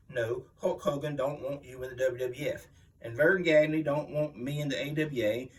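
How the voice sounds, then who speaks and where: A reader voices an older, boastful, mean veteran pro wrestler villain in a dramatic magazine interview reading styled as a wrestling promo. His fairly high, bright voice is forceful, blustering and aggrieved, and he sounds far from the mic.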